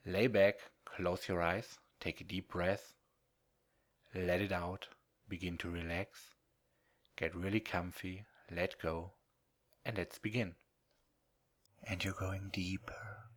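Slow hypnotist man, low hushed monotone. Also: a little hiss or hum. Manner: slow, soothing hypnotist delivery with long pauses. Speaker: hypnosis recording narrator. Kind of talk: guided relaxation hypnosis narration.

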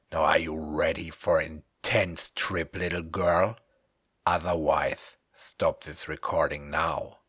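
Very deep, slow male hypnotist voice. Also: a bit bright, breathy edge. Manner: slow, deliberate, commanding, with pauses between short phrases. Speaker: hypnosis performer. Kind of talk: hypnosis audio, slow guided trance narration. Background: music.

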